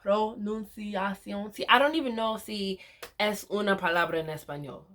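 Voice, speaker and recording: A woman's voice: medium pitch, lively intonation, moderate pace, a bit bright. A woman whose first language is English, vlogging casually in learner Spanish, hesitating, correcting herself and slipping into English.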